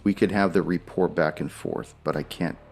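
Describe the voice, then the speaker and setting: A man's voice: sits low, moderate pace. A man narrating a tabletop role-playing game as game master, guiding players through rules and scenes.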